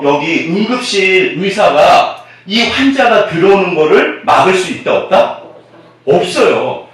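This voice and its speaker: Animated male pastor preaching in an echoey hall. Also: high voice. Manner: animated, call-and-response questions to the congregation; swings between loud emphatic bursts and near-whispered asides. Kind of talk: sermon. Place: church sanctuary. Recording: echoey church hall, mic at a distance.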